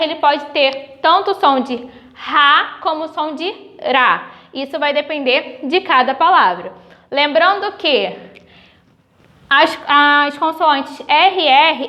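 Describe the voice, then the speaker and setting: A woman teacher with a Brazilian accent giving a recorded grade-school lesson, patiently spelling out sounds slowly. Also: high-pitched, highs cut off. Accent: Brazilian Portuguese.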